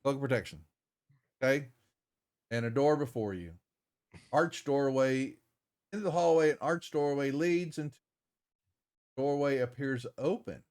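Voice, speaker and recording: A man acts as game master in an online tabletop session. He improvises scene descriptions and rulings in a casual way, with a halting, piecemeal delivery. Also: medium pitch, darkish tone. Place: online group video call.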